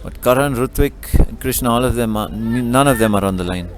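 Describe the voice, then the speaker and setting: A man giving color commentary at a live match, calmly explaining tactics and throws. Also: medium pitch, fairly quick, a faint crowd, slight background noise. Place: outdoors at a sports field.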